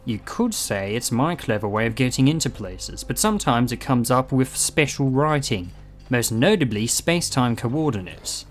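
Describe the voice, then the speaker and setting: A jovial, quick-witted adventurer, played by a man, talks with theatrical confidence at a medium pitch. Music runs behind his breezy, self-assured audio drama lines. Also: very animated, lightly acted. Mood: curious, confident.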